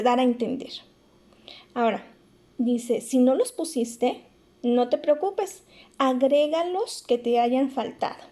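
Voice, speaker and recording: Warm and sitting high, a woman's voice guides young schoolchildren through a remote lesson, patiently explaining each step. She is affectionate, calling them sweetheart and addressing the pupils as "corazones".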